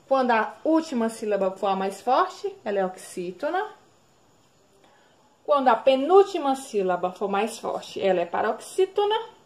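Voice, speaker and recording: A woman teaching a recorded class for young children, with a Brazilian Portuguese accent. She speaks in a sing-song way, drawing out words syllable by syllable and asking the class questions as she goes. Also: high-pitched. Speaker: primary school teacher.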